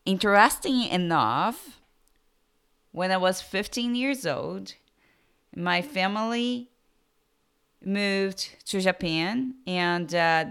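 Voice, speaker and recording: Brazilian accented woman hosting her own podcast, low voice, takes it slow, lots of uh and um. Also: vocal fry, a bit bright, clean tone. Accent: Brazilian Portuguese. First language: Portuguese. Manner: slow, hesitant, frequent fillers. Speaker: podcast host. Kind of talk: personal storytelling podcast.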